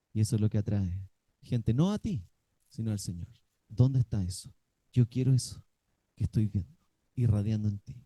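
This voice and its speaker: A man's voice: mid-range voice, mellow, no echo. A man preaching a sermon as pastor, emphatic and often asking the congregation questions. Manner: emphatic, asks the congregation questions, acts out quotes.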